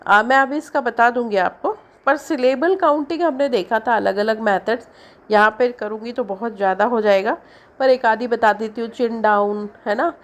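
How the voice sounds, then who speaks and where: A woman teaching an English syllabus lesson in Hindi, explaining slowly and stretching out the example words. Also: fairly high pitch.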